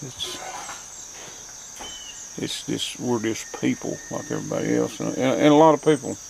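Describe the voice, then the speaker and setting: Gravelly older man with an Appalachian accent. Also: medium pitch, moderate pace, a little mellow, poor audio. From Appalachian mountains, southern US. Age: older, grandparent. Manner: folksy, plainspoken mountain dialect. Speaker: host. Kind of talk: rambling, reflective front-porch monologue. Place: outdoors, rural porch. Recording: outdoor insect and nature noise.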